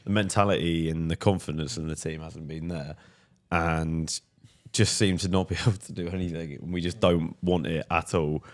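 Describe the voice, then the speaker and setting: A man's voice: low-pitched, fairly even intonation, moderate pace, few pauses. A man in a casual football chat, dropping dry, joking asides.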